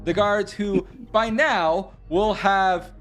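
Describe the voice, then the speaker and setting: A game master narrating a tabletop role-playing game in a casual, halting way with many fillers. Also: medium pitch, fairly even intonation, fairly bright tone. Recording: stream with faint background music.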